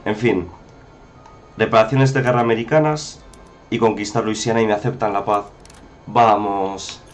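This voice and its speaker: A man's voice: lowish voice, steady tone, moderate pace, soft background music. A man giving chatty, casual commentary over a strategy game, often exclaiming and talking to viewers. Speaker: gameplay commentator.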